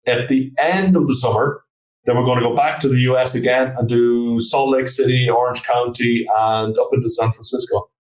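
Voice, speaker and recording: A man's voice: mid-range voice, steady tone, normal speed, distant mic. Roomy-sounding man with west of Ireland accent. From Galway, Ireland. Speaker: trainer and consultant, interview guest. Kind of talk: conversational interview answers.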